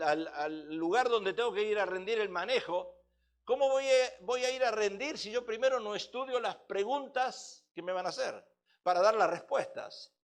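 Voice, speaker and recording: Male pastor, high voice, emphatic teaching sermon with rhetorical questions.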